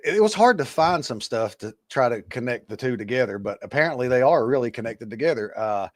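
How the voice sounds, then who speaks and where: A man's voice: medium pitch, no room sound. Rambling male podcast host. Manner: rambling, many fillers and restarts. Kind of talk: casual chat.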